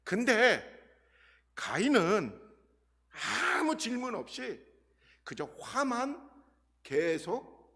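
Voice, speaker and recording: Male pastor, sermon, high and very lively pitch, talks right to the pews, lingering church-hall reverb. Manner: animated preaching, addresses the congregation directly; acts out prayers and dialogue in an earnest voice. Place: church sanctuary.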